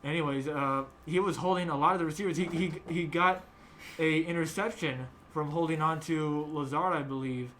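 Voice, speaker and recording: A man's voice: fairly high pitch, fairly even intonation, moderate pace, pushed and bright, slight background noise. A young man hosting a casual sports chat, rambling with many fillers and restarts. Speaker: podcast host.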